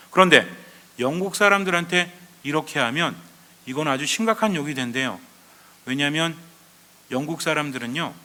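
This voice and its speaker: Bright-voiced priest in an echoing hall. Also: male voice, fairly high pitch. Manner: lively storytelling with rhetorical questions. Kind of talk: Advent lecture sermon.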